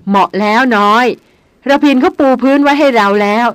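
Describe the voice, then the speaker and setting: A woman's voice: on the high side, moderate pace, dry recording, close to an everyday voice. A woman reading the lines of a young man who playfully ribs his friend.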